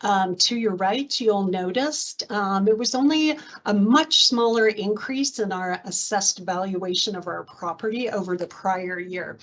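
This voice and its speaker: A woman's voice: medium pitch, measured pace, few pauses. A woman giving a formal slide presentation as a finance official to a board on a video conference. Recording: dull video-call audio.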